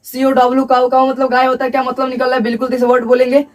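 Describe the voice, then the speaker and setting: A man's voice: very high voice, completely flat delivery, very fast, far from the mic. A male teacher giving a classroom lecture at a board, repeating points and asking and answering his own questions.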